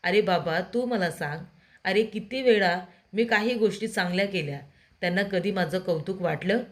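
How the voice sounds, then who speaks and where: A woman's voice: medium pitch, moderate pace, close to an everyday voice. A woman narrator voicing a hurt, defiant young man who complains that he is never understood. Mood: aggrieved. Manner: pleading, aggrieved.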